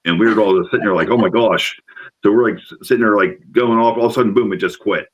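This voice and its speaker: A man's voice: on the low side, rapid-fire, highs cut off. Man telling a rambling ghost story. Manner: rambling, excitable, repeats words. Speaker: paranormal investigator guest. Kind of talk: casual storytelling.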